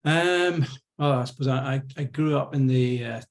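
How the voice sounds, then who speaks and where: A man in his fifties with a Scottish accent, a musician guest chatting on a video call from his home studio, relaxed and reflective with many ums and restarts. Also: medium pitch, moderate pace. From Scotland. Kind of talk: casual interview chat.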